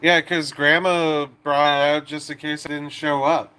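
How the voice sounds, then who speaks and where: A man in his late twenties chats casually on a live stream, rambling and joking and often breaking off to start over. His voice is a little high, with little pitch movement and a normal speed, pushed and bright with a clear, resonant tone. The recording is rough.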